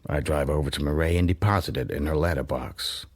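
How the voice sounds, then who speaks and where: Tom, deep-voiced watchful man. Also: a little fast. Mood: brooding, confiding. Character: Tom, watchful worldly man sheltering a runaway, narrating his thoughts. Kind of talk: radio drama narration and dialogue. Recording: music under the voice.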